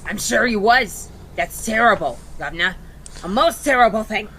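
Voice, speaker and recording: A woman's voice: medium pitch, lively intonation, normal speed, a bit bright, slight background noise, low-quality recording. A woman voicing a cheeky male imp messenger who talks in streetwise slang. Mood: sly.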